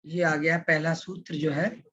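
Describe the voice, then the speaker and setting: A man teaching a scripture class online, reciting Sanskrit terms slowly and deliberately and repeating them syllable by syllable. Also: on the high side, little pitch movement, pushed and bright, slightly rough. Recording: dull lo-fi recording.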